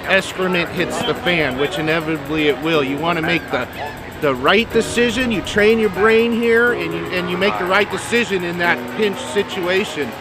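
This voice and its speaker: A man's voice: sits high, moderate pace. A man in his forties, a paramotor student giving an earnest, folksy testimonial outdoors on a beach. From northern California. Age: 40s. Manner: folksy, earnest, fond of sayings. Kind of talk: testimonial to camera. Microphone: camera framed at head and shoulders. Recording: loud music underneath.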